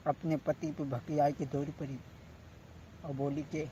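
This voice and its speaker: A man telling a folk story, moving between long drawn-out sung verses and plain spoken narration, heard from an old worn cassette tape. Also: on the high side, flat delivery, dark tone. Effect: played from an old worn cassette tape. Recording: muffled worn cassette with faint hiss.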